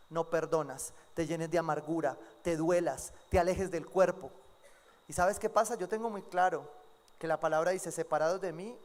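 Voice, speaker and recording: A pastor preaches with a strikingly high, bright voice. He talks in a lively, playful way and acts out church members with humor. The long reverb of a large church hall rings after his words. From Colombia. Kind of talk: sermon. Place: church sanctuary.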